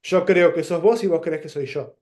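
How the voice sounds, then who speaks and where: Rioplatense male lecturer, mellow tone, a bit high-pitched, reflective, pauses and restarts mid-thought. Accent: Rioplatense Spanish. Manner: thoughtful, pauses and restarts, gives plain examples. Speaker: teacher.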